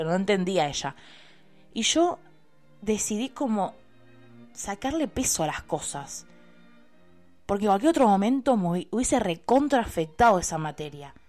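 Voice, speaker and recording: A young woman with an Argentine Spanish accent, a university student telling a personal story in a casual, expressive, chatty way and swearing freely. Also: fairly low pitch. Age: young adult.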